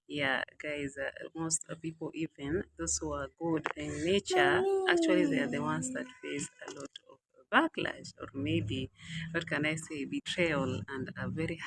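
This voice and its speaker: A woman in her thirties vlogs outside a small villa, thinking aloud in a casual monologue that rambles and hesitates, full of "uh" fillers and repeated phrases. Her low voice is very animated, a little slow and fried, and the recording is very noisy.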